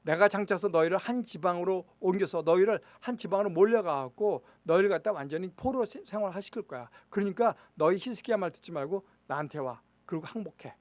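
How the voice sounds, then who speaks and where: Guy doing a sneering army commander yelling threats, kinda high voice, dry sound. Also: animated, brisk, hardly any pauses, no echo. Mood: taunting. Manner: mocking, shouting threats. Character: taunting arrogant male enemy commander.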